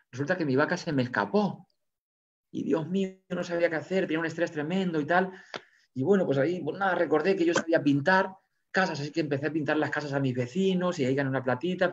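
A man's voice: on the high side, pitched above the performer's own voice, close to an everyday voice. A humble, devout farmer with a raised, upbeat voice, as a speaker puts him on mid-talk. He tells his tale eagerly. The sound is muffled, like an online call. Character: poor humble man, grateful and devout.

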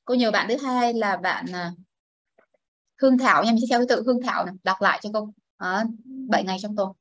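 A woman's voice: mid-range voice, brisk, fairly bright tone, dry recording. A woman teaching a classroom pronunciation lesson, patiently explaining and modelling words for students to repeat. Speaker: English teacher.

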